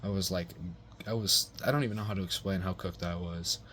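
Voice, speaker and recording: A young man with a lowish voice tells a story in a loose, rambling way, packed with curses, slang and "like"s. Faint noise sits behind him. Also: fairly even intonation, brisk, fairly bright tone. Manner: rambling and profane, heavy slang and fillers. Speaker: vlogger telling a personal story. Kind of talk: casual storytelling.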